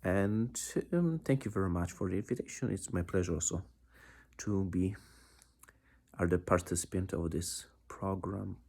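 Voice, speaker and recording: Polish guy, deep husky gravelly voice, stops and restarts a lot talking about his work. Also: darkish tone. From Poland. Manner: halting, searching for words, frequent restarts. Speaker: composer. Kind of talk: self-introduction monologue. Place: home studio.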